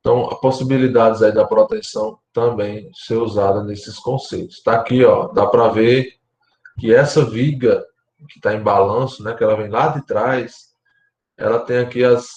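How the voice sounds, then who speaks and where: Hoarse Brazilian lecturer in an echoey room. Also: male voice, lowish voice, fairly even intonation, normal speed, a little mellow. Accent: Brazilian Portuguese. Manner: explanatory, checks in with "tá?" and "né?". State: going hoarse. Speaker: university lecturer. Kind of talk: online architecture lecture.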